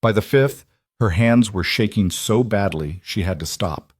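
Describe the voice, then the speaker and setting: A man narrating a scripted audiobook romance story in a measured, dramatic storytelling manner. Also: fairly low pitch, husky, no room sound.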